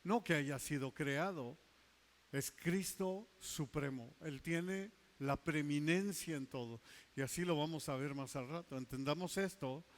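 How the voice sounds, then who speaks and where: A male pastor preaching a sermon, emphatic, stretching key words slowly and dropping into quiet asides. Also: fairly high pitch.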